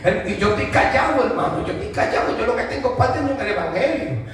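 A man with a Dominican accent preaching a sermon, telling stories with colloquial asides and building to shouts. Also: extremely high pitch, animated, quick pace. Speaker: pastor. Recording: very echoey church hall, from far off.

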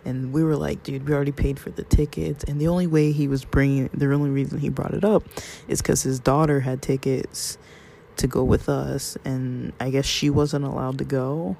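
A man's voice: mid-range voice, level tone, normal speed, creaky, a little mellow, a little hiss or hum. A man from Southern California telling a personal story in a rambling, conversational way. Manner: rambling, conversational, quotes others in passing. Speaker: vlogger. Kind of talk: casual storytelling monologue.

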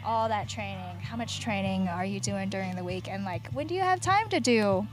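A woman's voice: medium pitch, animated, normal speed, faint music behind. A woman hosting a podcast, asking long rambling questions in a chatty, upbeat way and laughing easily. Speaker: podcast host. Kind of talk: casual interview chat.

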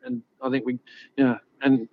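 A man's voice: mid-range voice, little pitch movement, moderate pace, gravelly. Laid-back Australian man, dull lo-fi audio. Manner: rambling, laid-back, lots of "you know". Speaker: former rugby league player, guest. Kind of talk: casual interview storytelling.

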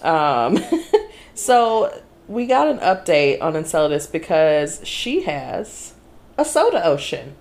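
Lively, lower-voiced woman co-host, chatty and animated, swinging pitch widely. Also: slow pace. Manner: animated, chatty, laughs often. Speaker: podcast co-host. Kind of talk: casual chat.

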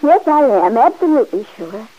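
A headstrong young woman set to marry is portrayed by a young actress in a 1940s radio drama, insistent and defensive in tone. Her high voice swings widely in pitch and moves a little fast, captured on a dull old radio recording.

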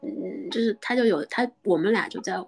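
A woman host telling a personal story in a soft, halting way, often dropping into a whisper. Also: medium pitch, creaky, rough recording. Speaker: podcast host. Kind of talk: intimate storytelling.

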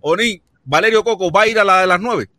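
A man's voice: high-pitched, quick pace, sharp tone, no room sound, studio quality. A man with a Cuban accent arguing in a live stream debate, lecturing the others on their reasoning. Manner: argumentative, lecturing. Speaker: participant.

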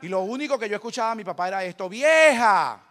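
A man's voice: high-pitched, very fast. A middle-aged man, preaching a sermon with humorous family stories and acted-out quotes. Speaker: pastor.

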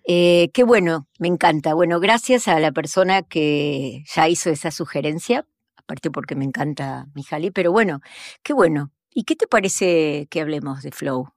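A woman with a Rioplatense accent and a lowish voice co-hosts a podcast chat. She wanders through her explanations thoughtfully, and the sound is dry and close. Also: normal speed, no echo. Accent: Rioplatense Spanish. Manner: digressive and reflective, explains at length with many fillers. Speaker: podcast co-host.

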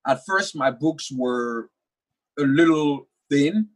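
A young French-speaking man, talking as an author in a conversational interview, speaks earnestly and often repeats words while he thinks. His voice is on the high side, expressive and slow.

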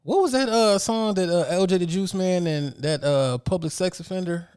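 A man hosting a podcast in casual chat, joking and animated, often dropping into impressions. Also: sits high, moderate pace, clear, resonant tone. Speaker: podcast host.

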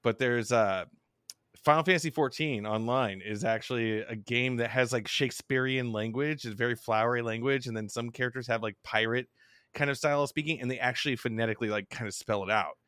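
A man's voice: mid-range voice, brisk, a bit bright, clear, resonant tone, no room sound. Male co-host, dry close sound, chatty and self-deprecating. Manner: rambling, self-deprecating, many restarts. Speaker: podcast co-host. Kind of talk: casual podcast chat.

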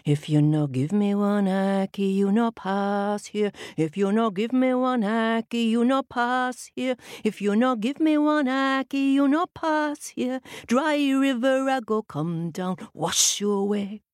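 A woman's voice: on the high side, measured pace, hardly any pauses, darkish tone, dry recording, clean studio sound, close to an everyday voice. A woman singing as a stern magical river. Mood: chanting.

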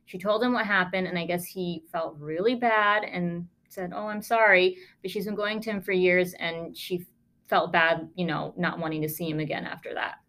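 A woman's voice: fairly low pitch, fairly even intonation, normal speed, a bit bright. A woman podcast host, a lung doctor, telling a case story in a conversational, emphatic way with sarcastic asides.

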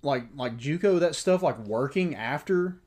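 Lively, rambling man talking sports. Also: on the high side, unhurried. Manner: rambling, many fillers, lively and opinionated. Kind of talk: casual sports chat.

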